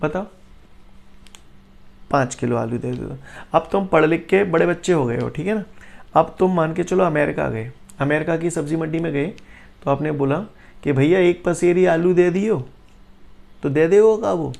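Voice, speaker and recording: Young man as physics teacher. Gravelly, a little high-pitched, teasing and playful, swings between low explaining and loud excited jokes. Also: normal speed, pauses often. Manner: jokey, keeps asking "clear?" and "bolo bhaiya". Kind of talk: classroom lecture.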